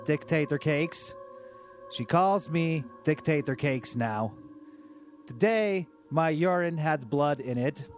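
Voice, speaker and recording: A cruel, pompous dictator king, as a man puts him on, reading his diary in stilted broken English with flat deadpan self-importance. The voice sits a touch high and crawls along slowly. Faint music plays underneath. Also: natural voice. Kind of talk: comedic diary-reading monologue.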